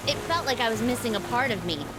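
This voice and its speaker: An actress playing a tough, impatient pirate swordfighter in a video game, brisk and sardonic. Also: female voice, a little high, animated, lightly acted, poor audio. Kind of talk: video game cartoon acting. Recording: game music over voice.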